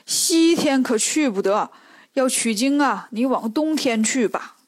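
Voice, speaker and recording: A woman's voice: sits high, expressive, measured pace, no echo. Lady doing a flustered old grandpa, jumpy, storybook. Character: jumpy old village man.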